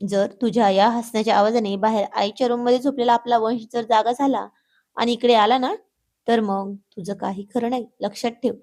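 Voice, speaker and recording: A woman narrator voices a playful husband who teases his wife with mock-stern, bossy lines delivered as a hushed threat. Her voice stays mellow and warm, a touch high for a man, at normal speed. It feels like acted dialogue from a read-aloud family storybook.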